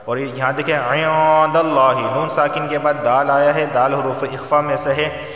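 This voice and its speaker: A man's voice: medium pitch, level tone, fairly bright tone. Echoey distant man chanting and teaching. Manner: chants verses slowly in melodic recitation, then explains rules plainly. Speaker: Quran teacher. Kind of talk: Quran recitation and tajweed lesson. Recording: roomy echo, long reverb, distant mic.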